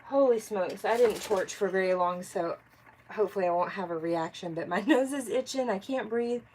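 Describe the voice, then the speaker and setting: A congested woman chats her way through a live crafting session, answering viewers by name as she works. Her voice sits at a middle pitch. A faint hum of the home workspace runs underneath. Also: normal speed, a little mellow, poor audio. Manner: chatty, thinks aloud, answers viewer comments by name. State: congested from allergies. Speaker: tumbler crafter streaming live. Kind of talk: casual live-stream chat while crafting.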